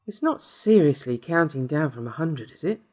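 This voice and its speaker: A man's voice: on the high side, big pitch swings, moderate pace, a little mellow. A man voicing a tired man who asks puzzled, incredulous questions. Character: tired man, baffled and uneasy.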